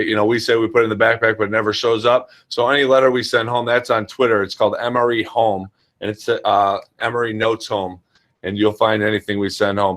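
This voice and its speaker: In a lowish, somewhat bright voice, an American school administrator leads a relaxed question-and-answer orientation. He speaks directly to the parents and children, regularly pausing to check in with "all right."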